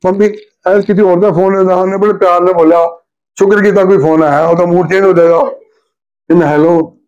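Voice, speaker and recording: A man's voice: high-pitched, fairly even intonation, brisk, darkish tone, clear, resonant tone. An older man tells a comic story, acting out both sides of a phone call in different voices. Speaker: joke teller. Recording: dull lo-fi recording.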